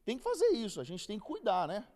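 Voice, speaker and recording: A man's voice: high voice, huge pitch swings, quick pace, mellow. A man with a Brazilian Portuguese accent teaching a Bible lesson in a casual, storytelling way, acting out the people he quotes.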